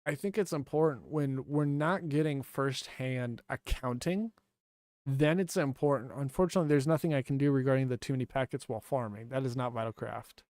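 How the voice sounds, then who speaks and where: A man's voice: medium pitch, fairly quick, a little mellow, no room sound, studio quality. A man talking casually to his livestream chat, rambling and correcting himself, laughing now and then.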